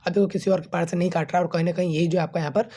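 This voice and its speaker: A man's voice: high voice, fairly even intonation, racing, warm tone. A man teaching a maths lesson to students, explaining step by step and asking and answering his own questions in a casual, friendly way. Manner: informal, calls students 'bachche' and 'bhai'. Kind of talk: classroom-style video lesson.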